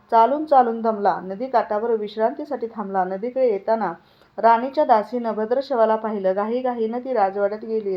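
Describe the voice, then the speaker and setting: A woman's voice: on the high side, highs cut off. A woman telling a devotional vow story aloud, giving the characters' quoted lines extra force.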